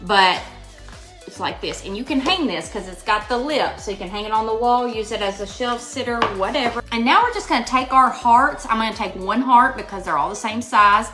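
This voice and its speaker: At a home craft table, a woman from Western Kentucky hosts a live craft tutorial, chatting casually and folksily in her Southern accent. Her voice is a little high, animated and brisk, with music playing in the background.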